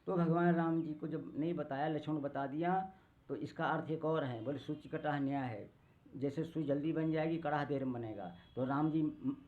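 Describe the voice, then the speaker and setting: A man in his eighties giving a devotional discourse, slowly chanting verses and acting out quoted women. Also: on the high side. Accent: Hindi, north Indian. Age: 80s. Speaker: katha preacher. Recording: phone-like narrow band.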